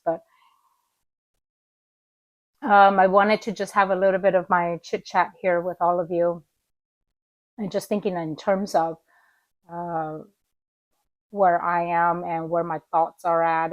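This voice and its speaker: In an unscripted morning vlog, a woman in her forties chats from her small living room via laptop camera, wandering from point to point with many fillers and restarts. Her medium-pitched voice is recovering after illness, and she coughs now and then. The recording is dry.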